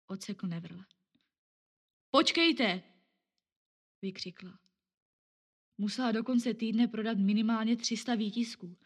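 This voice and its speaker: Woman storyteller, measured and even, mid-pitched voice. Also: husky. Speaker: narrator. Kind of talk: scripted storybook narration.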